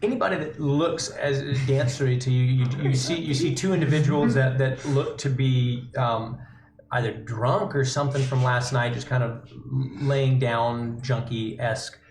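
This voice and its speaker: A man's voice: medium pitch, steady tone, a little slow. A man narrating a tabletop game as game master, often restarting his phrases. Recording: echoey room.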